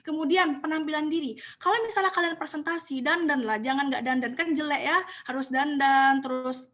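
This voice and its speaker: A young woman presenting a webinar, giving casual tips in a chatty, encouraging way with frequent filler pauses, over a computer mic. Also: high-pitched, fairly even intonation, a bit bright.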